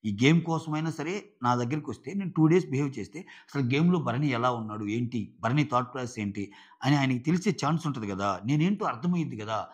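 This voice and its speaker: A man's voice: medium pitch, animated, fast talker, husky, dull audio. A man reviewing a reality show in casual commentary, retelling conversations in paraphrase with many filler sounds.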